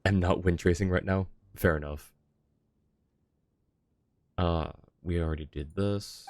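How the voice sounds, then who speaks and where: There's no echo on this low-pitched, slightly slow voice of a tired man streaming late at night. Relaxed and mumbling, he chats casually about the game and reads its text out loud.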